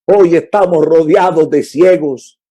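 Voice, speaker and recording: A pastor from Colombia preaching a sermon in a high, mellow voice. He tells the story dramatically, stretching out words for emphasis and building into passionate appeals. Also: measured pace.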